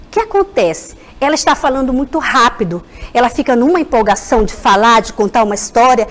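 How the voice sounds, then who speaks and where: A Brazilian woman teacher delivers a school lesson on television, speaking animatedly to the children and addressing them directly. Her voice is high-pitched.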